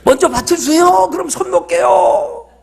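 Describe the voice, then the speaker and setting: A man acting out a panicked man hanging from a cliff, shouting and pleading in a high voice. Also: moderate pace, creaky. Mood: desperate.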